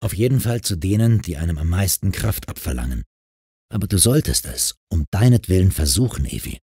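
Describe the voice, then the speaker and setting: A man voicing a calm, caring grown man in an audiobook who patiently talks a troubled girl round. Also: deep voice, brisk, husky, no room sound, studio quality, exaggerated voice. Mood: earnest.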